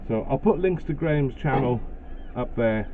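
A middle-aged man chats casually as he explains his next woodworking steps, pausing often with ums and uhs. His voice sits at an ordinary pitch for a man. The sound is thin and phone-like, with a faint hiss underneath. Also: expressive. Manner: chatty, hesitant with fillers. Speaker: woodworking channel host. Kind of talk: casual workshop narration. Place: small home workshop, indoors.

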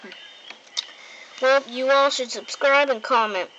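A woman voicing a boastful boy doll who says all the ladies love him, in a low drawl, on a noisy phone recording. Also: unhurried, lo-fi sound.

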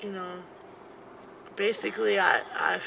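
A woman's voice: mid-range voice, unhurried, gravelly. A young woman giving a candid, blunt, streetwise interview, swearing freely, in the back of a car. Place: back seat of a parked car. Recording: noisy car interior recording.

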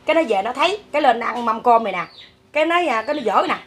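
A woman's voice: fairly high pitch, animated, rapid-fire, fairly bright tone, a little hiss or hum. A woman in her fifties with a Southern Vietnamese accent, telling her story in a rambling way with many fillers. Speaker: interviewee, mother. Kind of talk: casual storytelling.

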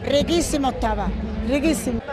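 A middle-aged woman at an outdoor street festival, talking lively and emphatically into a reporter's handheld mic. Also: high voice, a little fast, crowd noise. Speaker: festival participant. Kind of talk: casual interview answers.

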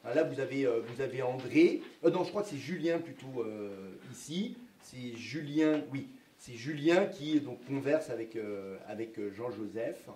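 A man's voice: mid-range voice, animated, measured pace, dark tone. Guy giving a history lecture, keeps stumbling and restarting, echoey hall, mic far off. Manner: hesitant, full of filler words and restarts. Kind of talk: public lecture.

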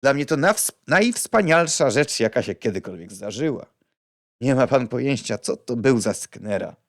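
A man reading an audiobook and voicing a lively, blunt young woman with a playful, outspoken manner. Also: medium pitch, moderate pace, no echo, clean studio sound.

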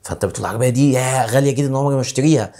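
A man with an Egyptian Arabic accent teaching English casually, slowing down to repeat English phrases word by word. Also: medium pitch, dark tone. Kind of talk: casual video lesson.

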